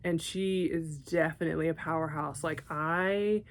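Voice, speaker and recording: Chatty Southern woman vlogging, slightly low. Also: normal speed, a little hiss or hum. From Texas, United States. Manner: chatty and animated, with asides and laughs. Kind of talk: casual chat to camera.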